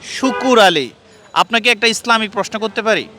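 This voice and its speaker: High, bright-voiced man quizzing people on the street. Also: expressive, moderate pace. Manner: earnest, quizzing and lecturing passers-by. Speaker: street interviewer and channel host. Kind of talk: street quiz interview. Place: outdoors on a busy street. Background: traffic and street noise.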